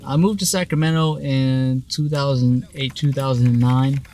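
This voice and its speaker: Male interviewee from Oklahoma, casual and unhurried, middle pitch. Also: soft background music. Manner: relaxed with frequent fillers.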